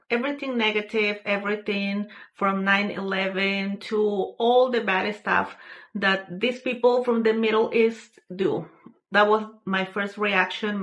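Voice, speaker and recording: A young woman from Peru speaks English, her voice sitting at an ordinary middle pitch. She tells her own story in an earnest, unhurried way, pausing often on fillers and restarting her sentences. The recording sounds a little dull and lo-fi. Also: a bit bright. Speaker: vlogger sharing a personal story. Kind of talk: casual personal testimony.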